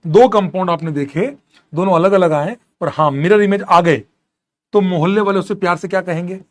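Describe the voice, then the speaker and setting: Male chemistry teacher, high voice, animated, repeats and quizzes constantly. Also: moderate pace. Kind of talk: classroom lecture.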